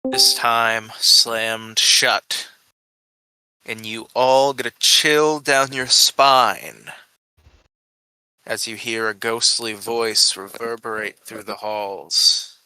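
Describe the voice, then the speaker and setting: A man's voice: mid-range voice, steady tone, drawn-out words, sharp tone, smooth, no room sound, rough recording. A man narrating a tabletop game as its game master.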